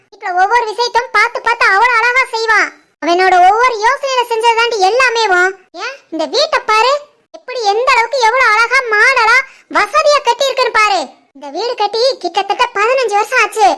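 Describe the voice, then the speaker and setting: A woman doing a shrill scolding mother-in-law. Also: sharp tone. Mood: boastful. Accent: Tirunelveli Tamil. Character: scolding proud middle-aged mother-in-law. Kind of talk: animated family story voice acting.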